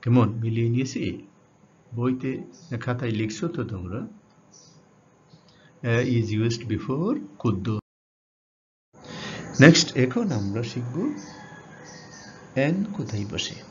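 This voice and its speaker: A man teaching English grammar to students. He draws out the English example words slowly and asks the class questions. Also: medium pitch, animated, a little mellow. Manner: addresses students directly, asking questions. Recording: dull lo-fi sound with faint hiss.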